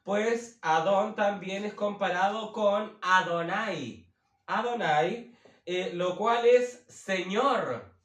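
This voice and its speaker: A man teaching the Bible as a preacher, slowly repeating and rephrasing himself with many fillers. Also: high voice, fairly bright tone, recorded from a distance. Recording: roomy, from away from the mic.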